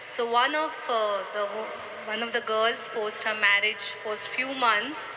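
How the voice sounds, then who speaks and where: A woman on a panel introducing her work with babies and telling a story in a measured way. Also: on the high side, fairly even intonation. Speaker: panelist, infant specialist. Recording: noisy live event recording.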